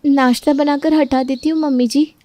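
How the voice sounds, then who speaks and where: A woman's voice: sits high, steady tone, normal speed, no echo, voice pushed up, natural voice. A woman doing a timid young daughter-in-law. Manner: soft, timid and apologetic. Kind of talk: cartoon story voice acting.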